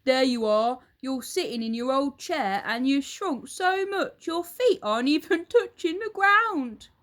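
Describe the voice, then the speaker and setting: Storybook villain: mean old husband, mocking, emphatic and drawn-out , voiced by a female reader. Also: high voice, animated, a bit bright, pitched above the performer's own voice. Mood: gleeful, taunting. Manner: emphatic, drawn-out, taunting delivery. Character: gleefully cruel, menacing old husband, mocking and sly. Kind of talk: children's storybook character voice.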